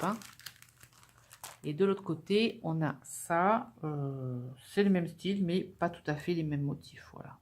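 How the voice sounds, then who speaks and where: A woman's voice: low voice, darkish tone. A woman vlogger chatting casually to camera as she unpacks a craft-supply haul, upbeat and full of little fillers. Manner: chatty and enthusiastic, with many fillers.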